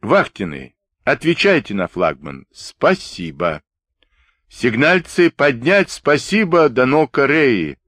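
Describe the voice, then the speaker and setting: A man voicing a stout, jovial old navy captain who barks out shouted orders in a storybook reading. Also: mid-range voice, big pitch swings, slow, no echo, studio quality, voice pushed up, heavily acted. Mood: commanding.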